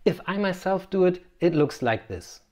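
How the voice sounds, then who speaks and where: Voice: mid-range voice, expressive, normal speed, darkish tone. An articulation coach presenting an instructional video, speaking precisely with playful asides.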